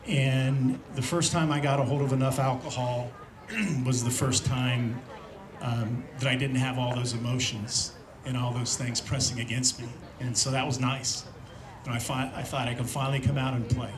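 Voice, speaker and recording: A man in his fifties from Indiana gives an earnest, reflective personal testimony at a church event, pausing often on fillers. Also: mid-range voice, flat delivery, a crowd in the background. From Indiana, USA. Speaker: speaker sharing a recovery testimony. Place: large room at a church event with an audience. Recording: roomy hall with audience noise.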